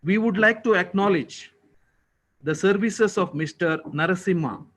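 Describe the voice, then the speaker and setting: Giving a ceremonious vote of thanks on behalf of a college, a man with an Indian accent reads from a prepared speech. His high, somewhat bright voice carries careful, polite wording throughout.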